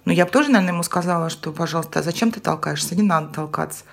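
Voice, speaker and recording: Woman, 40s, blunt co-host, quick, husky and gravelly. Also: on the low side. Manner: frank, blunt. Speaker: podcast co-host. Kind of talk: casual podcast chat.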